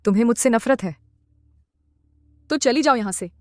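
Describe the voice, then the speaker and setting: An actress dubbing a vengeful wife back from an asylum, cold and commanding. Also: female voice, fairly high pitch, expressive, normal speed, no room sound, clean studio sound, lightly acted. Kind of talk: Hindi dub of a drama.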